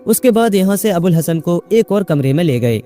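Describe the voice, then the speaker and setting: Man storyteller, high pitch, mellow warm tone, faint music underneath, measured reading. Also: animated. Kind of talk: narrated folk tale reading.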